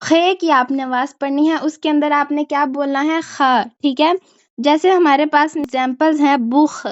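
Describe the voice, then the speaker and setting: A woman's voice: high-pitched, fairly even intonation, normal speed, dry recording, muffled recording. A woman teaching a German language class, explaining pronunciation patiently and checking in often with her students. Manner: patient, repeats "ठीक है?" to check understanding. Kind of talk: online language lesson.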